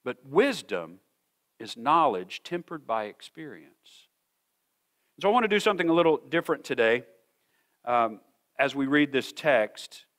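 A man's voice: medium pitch, sing-song. A middle-aged man preaching a sermon in a church, emphatic and earnest, repeating words as he builds a point. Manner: slows to a soft, measured pace for scripture reading. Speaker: senior pastor. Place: church sanctuary.

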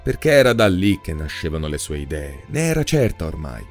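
Expressive male storyteller over soft music. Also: extremely low pitch, fairly quick. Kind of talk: scripted narration of a short story.

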